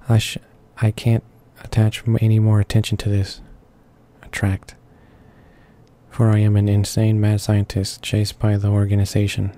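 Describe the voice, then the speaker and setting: For his gaming channel, a man reads visual novel narration aloud, stumbling over words as he goes. His voice is lowish with a dark tone, and faint game music plays behind him.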